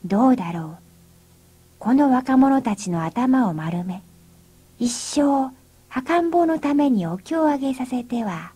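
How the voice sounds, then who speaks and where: Woman doing a low, calm old priest. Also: breathy edge, full character voice. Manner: slow, low, measured, half-whispered.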